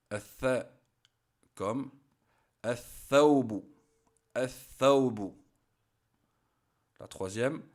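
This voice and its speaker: A man teaching a language lesson, saying each example word slowly and then repeating it so learners can copy the pronunciation. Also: mid-range voice. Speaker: Arabic teacher. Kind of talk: slow spoken lesson.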